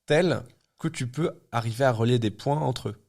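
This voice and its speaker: A guest entrepreneur in his twenties talks bluntly on a casual podcast, thinking aloud with plenty of fillers and restarts. His voice is medium-pitched, creaky and darkish, at a normal speed.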